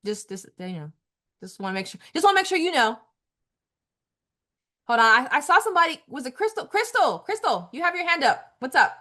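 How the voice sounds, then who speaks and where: A woman hosts a live online webinar with a bright, clear voice and a pitch that swoops up and down. She chats casually and animatedly with attendees, repeating herself as she talks on a video call. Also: brisk. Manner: animated, repeats herself, calls people girl. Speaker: webinar host.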